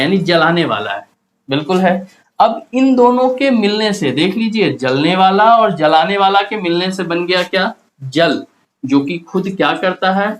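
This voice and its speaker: A man's voice: a little high, low-quality recording. A male chemistry teacher, giving a classroom lecture and asking and answering his own questions as he explains step by step.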